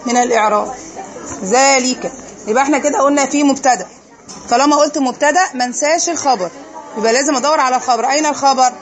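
A woman teaching a class in a quick Egyptian-accented voice, throwing out questions and supplying the answers herself. Her voice sits high. A crowd of students can be heard clearly behind her. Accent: Egyptian Arabic. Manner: poses questions then answers them herself. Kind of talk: classroom lesson.

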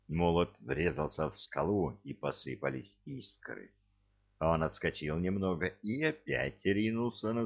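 Deep, gravelly male audiobook narrator. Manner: measured, dramatic storytelling. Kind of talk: audiobook reading. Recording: dull lo-fi audiobook recording.

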